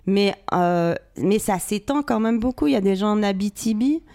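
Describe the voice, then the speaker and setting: A Québécois woman comedian talking casually as a guest on a podcast. She tells stories in a lively way, full of quick asides, in an ordinary mid-range voice. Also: mid-range voice. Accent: Québécois French. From Quebec.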